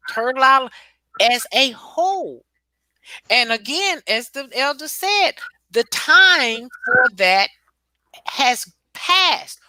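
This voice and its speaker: A woman's voice: a little high, pushed and bright, no room sound. A woman speaking emphatically and bluntly in a casual discussion, repeating points and swearing for force.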